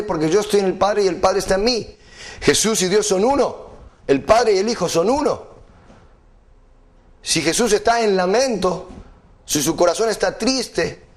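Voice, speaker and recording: Man preaching a sermon, fairly high voice. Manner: emphatic, rhetorical questions to the congregation; quotes scripture at a slower, lower pitch.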